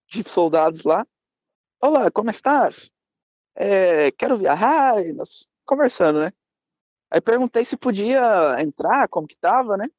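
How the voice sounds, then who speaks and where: A man's voice: sits high, darkish tone, no room sound. A young man telling a travel story in a casual, dramatic way, acting out scenes and dropping in conversational fillers.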